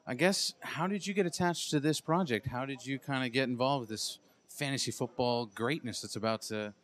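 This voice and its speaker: A man's voice: medium pitch, normal speed. A man hosting red carpet interviews at a film premiere with upbeat promotional patter.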